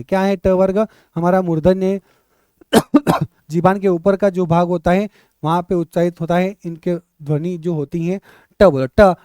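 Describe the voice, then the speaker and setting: A male teacher leading an online exam-prep class, drilling letters aloud and repeating questions to his students with lively energy. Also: high-pitched, smooth, no echo, studio quality.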